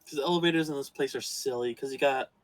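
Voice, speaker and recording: A man chatting casually while playing a video game with a friend, rambling and animated, with lots of fillers. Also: medium pitch, fast talker, low-quality recording. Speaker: gaming co-host.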